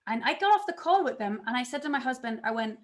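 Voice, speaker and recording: Animated woman telling her career story. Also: fairly high pitch, fast. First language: not English. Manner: animated storytelling, acts out her own past reactions. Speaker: conference speaker. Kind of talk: conference talk.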